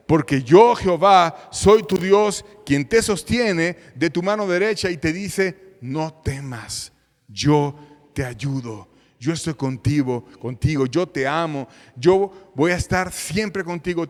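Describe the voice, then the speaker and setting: High-voiced man preaching in a reverberant hall. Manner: earnest, repeats phrases, reads scripture aloud. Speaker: pastor. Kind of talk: sermon. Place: church hall.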